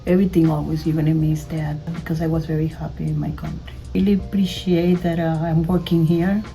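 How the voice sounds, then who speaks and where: An older woman from Spain, a native Spanish speaker, answering interview questions as a school attendance clerk in halting, non-native English. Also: low-pitched, flat delivery, warm tone, faint music behind, rough recording.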